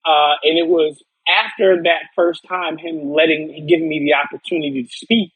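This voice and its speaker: A man's voice: a little high, normal speed, fairly bright tone, husky, no echo, poor audio. A man from upstate New York, a podcast guest telling his personal story earnestly, often restarting and repeating words.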